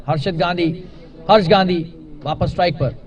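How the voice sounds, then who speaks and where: A man's voice: high voice, moderate pace, distant mic, lo-fi sound. A man giving live cricket match commentary, describing the play in short phrases.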